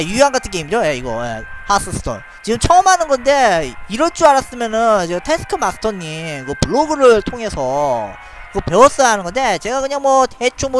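A man streaming a card game live, thinking aloud about his moves and laughing often as he chats with viewers. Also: high-pitched. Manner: chatty, thinks aloud, frequent little laughs. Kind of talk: live gameplay commentary.

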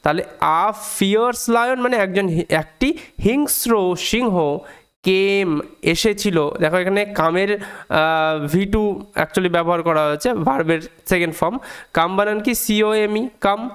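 A male English teacher from India, patiently explaining a reading lesson, breaking words down slowly and repeating key points. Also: sits high, fairly bright tone, smooth.

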